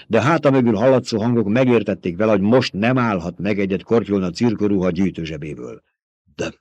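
A man reading an audiobook aloud with dramatic, tense storytelling that drops to a hush at times. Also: on the low side, dry recording. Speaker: audiobook narrator. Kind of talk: scripted audiobook narration.

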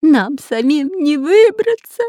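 A woman's voice: high voice, sing-song, slow, dark tone, dry recording, clean studio sound, voice pushed up, exaggerated voice. A woman doing a whiny cowardly pirate spy. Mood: whining. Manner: whining, panicky, stammering. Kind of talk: audiobook character voice.

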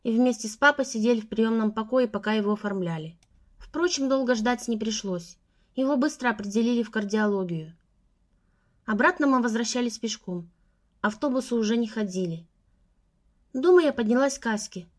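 A woman reads a first-person story aloud as audiobook narration. Her voice sits a touch high and keeps a steady storytelling pace. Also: a little fast.

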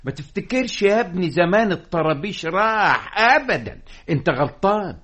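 A man's voice: sits high, big pitch swings, fairly quick, a bit bright, full character voice. A stern Egyptian fez-maker father. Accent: Egyptian Arabic. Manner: domineering, blustering. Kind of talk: radio drama acting.

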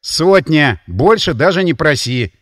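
A man voicing a hard-nosed mercenary who bargains in a blunt, forceful way. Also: a little high, expressive, measured pace, no room sound, clean studio sound. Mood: bargaining.

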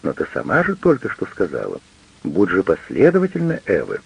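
A man with a low, gravelly voice playing a stubborn, defensive cavalry captain arguing with his wife in an audiobook. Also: wildly swooping pitch, brisk, dull audio, exaggerated voice. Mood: pleading. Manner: sulky, then threatening.

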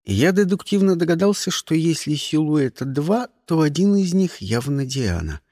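A man narrating a first-person story in a wry, lively storytelling manner. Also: a little high, moderate pace, no room sound, clean studio sound. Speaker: audiobook narrator.

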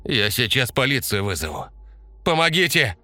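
A frightened elderly man pleads in a panicky voice, as a male narrator puts him on. The tone is bright and jumps around, recorded dry and close. It is an audiobook scene. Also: medium pitch, very animated, normal speed, dry recording, voice pushed up.

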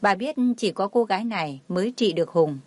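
A woman's voice: medium pitch, expressive, a little fast, no room sound. A woman reading a dramatic family story aloud as a storyteller, voicing every part with little change to her voice. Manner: reads all the figures herself, barely changing her voice. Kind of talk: scripted narration.

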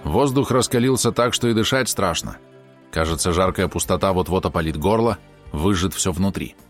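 A man narrating an audiobook in a measured, expressive storytelling manner. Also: sits low, faint music behind. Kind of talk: scripted narration.

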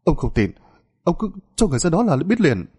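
A man voicing a panicked young male servant who stammers and rushes his words in a spoken folk tale. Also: on the high side, very animated, mellow, husky, pitched above the performer's own voice. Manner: stammering, breathless rushing.

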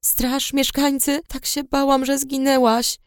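A woman voicing a young female friend who speaks emotionally and tearfully, her voice raised higher. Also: little pitch movement, measured pace, no room sound, studio quality.

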